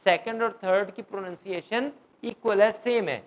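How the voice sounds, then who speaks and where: A man's voice: high voice, low-quality recording. A middle-aged man teaching an English grammar class. He quizzes his students and mixes English terms into his Urdu.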